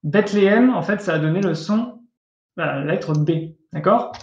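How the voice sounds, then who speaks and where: A man's voice: sits high, lively intonation, normal speed, a little mellow. A man teaching a language class online over a video call, explaining patiently, repeating himself and often checking that students follow. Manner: patient, repetitive, often checks understanding with asides. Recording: echoey room, dull lo-fi sound.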